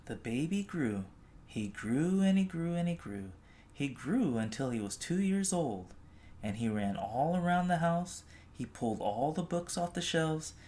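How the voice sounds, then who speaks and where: A storybook reader expressively tells a children's tale in a medium-pitched voice, drawing out phrases gently.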